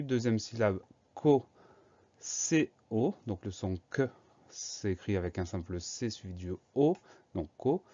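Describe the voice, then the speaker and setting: A man teaching spelling who speaks in a low, mellow voice. He goes through each word slowly and methodically, letter by letter. The recording sounds slightly dull and lo-fi. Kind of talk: dictation spelling lesson.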